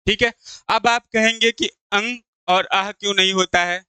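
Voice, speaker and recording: A male Hindi teacher gives an exam-prep lesson in a high, clear, smooth voice. He talks slowly and patiently, poses each question and answers it himself. The sound is dry and close. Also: fairly even intonation, sharp tone, no echo. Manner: repeats key terms slowly; addresses viewers as "friends".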